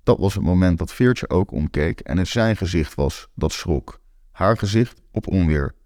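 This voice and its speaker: A man's voice: deep voice, lively intonation, moderate pace, a little mellow, dry recording. A man reading a first-person story aloud in a dry, matter-of-fact, blunt manner. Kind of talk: first-person literary narration.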